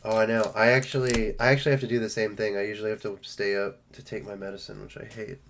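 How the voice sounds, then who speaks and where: A man's voice: lowish voice, level tone, fast talker, fairly bright tone, slight background noise. Joking man opening trading card packs. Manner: joking, rambling, playful. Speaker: host of a card-opening live stream. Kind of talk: casual live stream chat.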